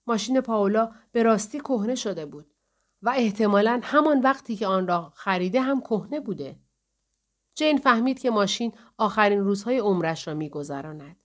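A woman narrating a novel aloud in a steady, measured delivery. Her pitch is mid-range. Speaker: audiobook narrator. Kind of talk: scripted narration.

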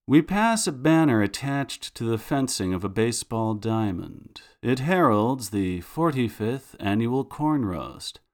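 Dry, sardonic male narrator. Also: medium pitch. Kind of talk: first-person audiobook narration of serial fiction.

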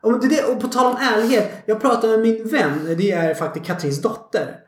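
A man chatting casually as a podcast guest, an animated storyteller who swears freely. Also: high voice. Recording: echoey room.

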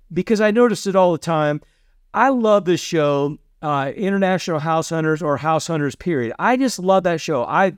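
Middle-aged guy preaching, high smooth voice, earnest, repeats himself, dry sound. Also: no echo. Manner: earnest, repeats phrases, slows for scripture. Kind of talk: sermon.

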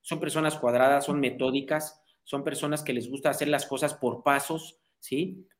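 A man's voice: medium pitch, fairly even intonation, normal speed. A man, a psychologist guest explaining ideas in an interview and often checking that the listener follows. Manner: didactic, asks "¿sí?" for agreement, acts out quoted people.

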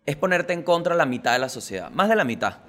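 A young Venezuelan man hosting a podcast, telling stories in a slangy comic monologue that swings between loud bursts and low mutters. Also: very animated, quick pace. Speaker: podcast host, stand-up comedian.

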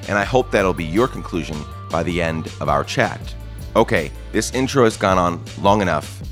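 Male podcast host, deep low voice, enthusiastic and encouraging, faint music bed. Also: a bit bright. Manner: enthusiastic, affirming. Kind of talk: podcast interview.

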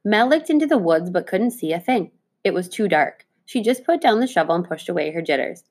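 A woman teacher reading a children's book aloud to her class, with clear, expressive delivery. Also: mid-range voice, brisk.

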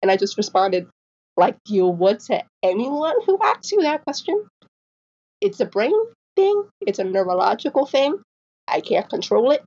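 With a medium-pitched voice at normal speed, a guest author in her twenties chats casually in an interview, animatedly playing out the people in her stories. She stutters, with repeated sounds and restarts. The audio is dull.

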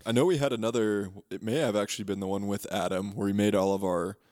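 A soft-spoken man with a lowish voice co-hosting a casual podcast. He mostly chimes in with short, agreeing remarks. The sound is dry and close. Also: fairly even intonation, fast, no echo. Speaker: podcast co-host. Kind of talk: casual chat.

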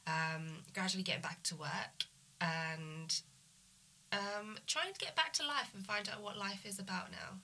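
A woman in her thirties, nasal from a cold, calmly and candidly telling her story as a guest. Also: medium pitch, a little slow. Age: 30s. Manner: calm, candid, matter-of-fact. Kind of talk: interview conversation.

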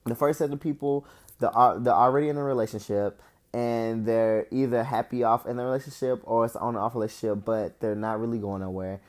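A man's voice: mid-range voice, steady tone, fairly quick, a little mellow. A young man with a slightly stuffy nose, talking candidly in a casual solo monologue full of fillers and restarts. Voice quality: a little stuffy-nosed. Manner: rambling, candid, with frequent fillers. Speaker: podcast host.

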